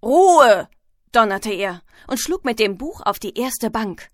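A woman reading a children's storybook aloud, clear and even. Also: medium pitch, unhurried, dry recording, clean studio sound. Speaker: narrator.

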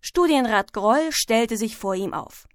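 A woman reading a children's storybook aloud, clear and even. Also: on the high side, a little slow, no echo, studio quality. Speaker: narrator.

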